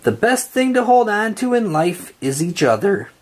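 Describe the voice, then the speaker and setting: A storybook reader gives an expressive, sing-song reading of a children's picture book, drawing phrases out. The voice is medium in pitch.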